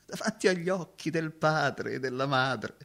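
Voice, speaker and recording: A man's voice: fairly high pitch, animated, normal speed, fairly bright tone. An actor playing a lonely, haunted man grieving a lost love, telling his story wistfully in stage-drama style. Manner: wistful storytelling with sudden anguished outbursts.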